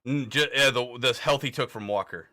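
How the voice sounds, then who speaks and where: Bright-voiced man running a game. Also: mid-range voice, brisk. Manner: casual, swearing, laughing narration. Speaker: game master. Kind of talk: narrating a tabletop game.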